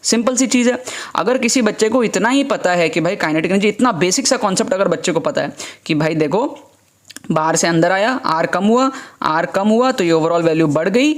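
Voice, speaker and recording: A young man teaching an exam prep lesson in a casual, chatty way, repeating his points and checking in often. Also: sits high.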